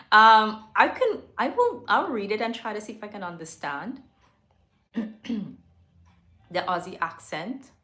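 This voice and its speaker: A woman's voice: medium pitch, lively intonation, slow, long pauses, sharp tone. Trini woman chatting on a livestream, laughs a lot, fixes her words as she goes, roomy echo. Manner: chatty, laughs often, self-correcting. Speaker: livestream host. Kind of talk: casual face-to-camera chat. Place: home studio. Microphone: microphone.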